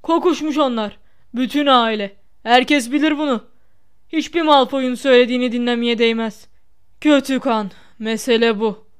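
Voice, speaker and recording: A huge, gruff gamekeeper who talks loud and blunt, as a woman reads him in an audiobook. Her voice stays bright and crisp beneath it. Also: fairly high pitch, steady tone, normal speed, lightly acted.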